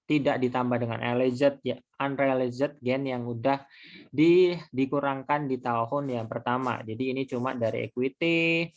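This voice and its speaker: A man who lectures on accounting explains things step by step in an explanatory screen tutorial. His medium-pitched delivery is informal and halting, and he poses questions to himself along the way.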